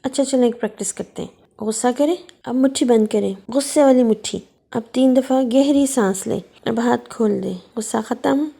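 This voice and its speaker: A woman teaching a gentle children's Quran lesson, speaking slowly and coaxing the children with questions. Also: a little high, vocal fry, husky.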